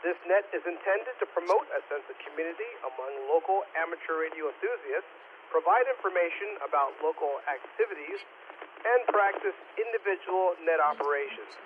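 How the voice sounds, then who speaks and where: A man with a high voice runs a radio net in formal procedure language, spelling call signs phonetically. His voice comes through a narrow, tinny two-way radio channel. A faint hiss of static sits under it. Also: animated, fairly quick. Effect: heard over two-way radio with static. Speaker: net control operator. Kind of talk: reading a scripted radio net preamble.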